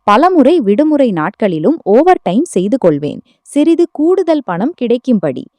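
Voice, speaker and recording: A woman's voice: fairly high pitch, sing-song, a little slow, a little mellow, no echo, clean studio sound. A woman reading an emotional family story aloud as a first-person narrator.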